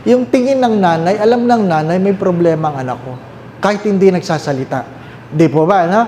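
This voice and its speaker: Filipino priest guy preaching, slightly high voice, roomy echo, faint hum behind. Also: mellow. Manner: mixes English and Tagalog, asks the listeners questions; repeats key phrases slowly. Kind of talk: sermon.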